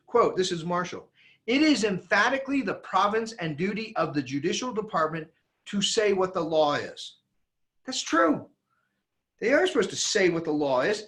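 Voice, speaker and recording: A man giving an emphatic, animated lecture that he reads from a handout, with frequent restarts. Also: high voice. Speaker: teacher.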